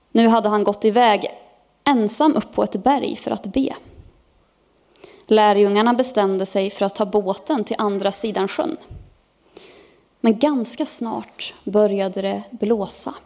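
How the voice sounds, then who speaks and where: A woman preaching during a church service reads a children's Bible story aloud. She tells it expressively, with a voice of ordinary pitch for a woman. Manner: expressive storytelling, lifting her voice for characters' cries. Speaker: pastor.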